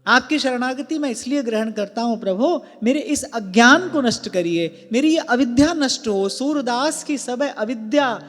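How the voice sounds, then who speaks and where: A man giving a devotional sermon in an ashram hall. He explains slowly, stresses single words and quotes verses. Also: extremely high pitch, animated, a bit bright. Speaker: spiritual discourse speaker. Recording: long hall reverb with faint music.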